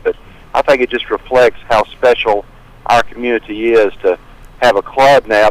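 A man's voice: lowish voice, no echo, rough recording. A man speaking casually and earnestly as a caller on a radio phone-in, repeating himself as he goes. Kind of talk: casual talk.

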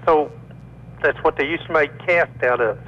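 A man's voice: a little high, slight background noise. Hesitant man calling in on a phone line. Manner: hesitant, many filler pauses. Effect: caller heard over a phone line. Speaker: radio show caller. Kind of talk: casual call-in question. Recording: slightly dull phone line.

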